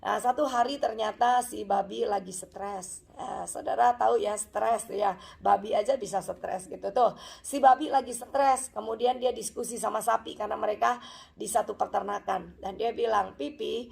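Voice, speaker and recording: A woman's voice: mid-range voice, steady tone, moderate pace, vocal fry, a little mellow. A woman pastor giving a chatty, story-filled sermon at a church service, with frequent asides to the congregation.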